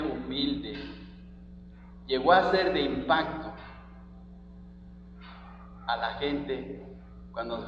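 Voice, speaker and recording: A man's voice: a little high, muffled recording. A man preaching a sermon as pastor, reading scripture with emphatic stress on each phrase, recorded in a church hall.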